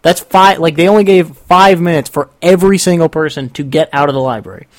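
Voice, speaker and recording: Young man, higher-pitched, a rambling storyteller who keeps restarting his sentences. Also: brisk. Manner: rambling, self-interrupting storyteller. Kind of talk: casual chat.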